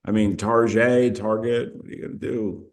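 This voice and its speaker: A man's voice: fairly low pitch, steady tone, a little fast, warm tone. A young man co-hosting a podcast outdoors, teasing his friend and swearing casually in a wry chat. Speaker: podcast co-host.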